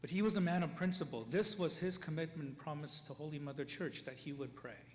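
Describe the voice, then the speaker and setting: A priest giving a eulogy at a funeral mass, talking in a conversational way, checking in with the listeners and chuckling between stories. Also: male voice, fairly high pitch, fast. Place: church. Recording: long church reverb, faint ambient noise.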